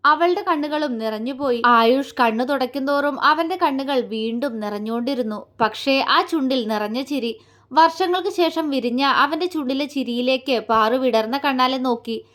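High-voiced woman narrating a love story. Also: fairly bright tone. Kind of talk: scripted narration.

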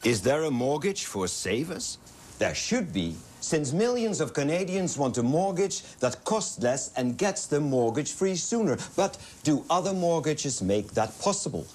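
Lively male commercial announcer. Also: a little high, a little slow. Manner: upbeat salesy read. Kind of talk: radio-style commercial read.

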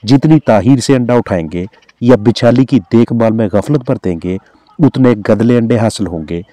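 A man's voice: mid-range voice, moderate pace, dry recording. Man, Pakistani Urdu accent, veterinarian, formal instructive narration, dry close sound. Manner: formal, instructive, steady delivery. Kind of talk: scripted voice-over narration.

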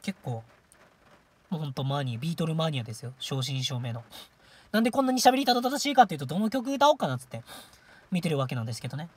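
A woman's voice: low-pitched, sing-song, rapid-fire, slightly rough. A woman hosting a solo livestream radio show, chatting casually in a rambling, self-mocking way. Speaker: streaming radio host.

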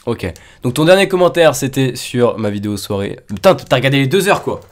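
A man hosting a casual call with his fans, excitable and teasing, joking and then taking it back, with sudden shouts. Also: medium pitch, brisk. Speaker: YouTuber host calling subscribers. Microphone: computer mic on a voice call.

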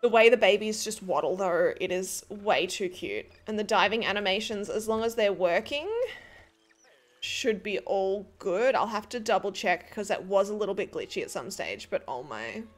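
A young woman giving casual gameplay commentary, gushing excitedly over cute animals and laughing often. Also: mid-range voice, moderate pace. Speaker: game streamer.

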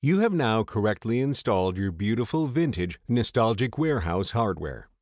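Male narrator, lowish voice, dry booth sound, calm measured instructional read. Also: dry recording. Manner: steady, measured reading of steps. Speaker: tutorial narrator. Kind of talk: scripted instructional voice-over.

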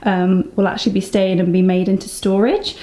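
Her mid-range, mellow voice stays fairly even in intonation and runs a little fast as this English woman in her thirties enthusiastically chats through a vlog tour. She films in a home room, a car, and a brick barn with its yard. Expect echoey spaces and clearly audible background noise.

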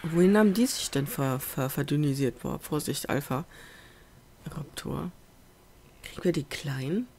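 A woman's voice: deep voice, lively intonation, unhurried, long pauses, a little mellow. A woman giving casual let's play commentary, chatting to viewers and muttering to the animals she tames, on a USB desk microphone at home. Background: faint festival noise from outside.

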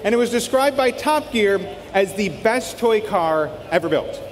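A man's voice: sits high, lively intonation, a little slow. A man presenting auction lots live, reading upbeat descriptions in a breezy, colloquial way. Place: large auction hall. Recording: echoey hall PA, background noise.

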